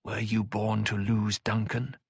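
A man voicing a calm, cutting older woman mentor in an audiobook, speaking in a measured, dry way. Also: lowish voice, husky, dry recording. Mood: cool.

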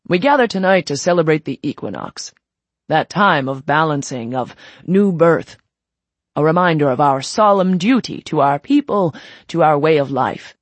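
A woman's voice: low-pitched, expressive, normal speed, dry recording. A woman voicing a pompous older male secret-society leader giving a well-worn, droning speech. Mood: declaiming.

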